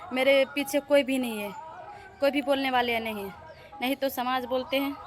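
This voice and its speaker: A young woman with a Bihari Hindi accent, vlogging in a plaintive, indignant way on a handheld phone as she walks through her family house and rooftop. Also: high voice. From Bihar, India. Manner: plaintive, indignant, pleading to viewers. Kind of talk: aggrieved personal vlog.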